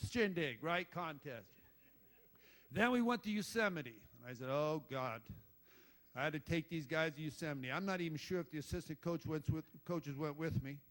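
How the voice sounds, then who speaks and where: A man's voice: high voice, fairly bright tone. An older man, a former football coach, giving a rambling speech full of stories, blunt and salty, swearing and joking with the crowd.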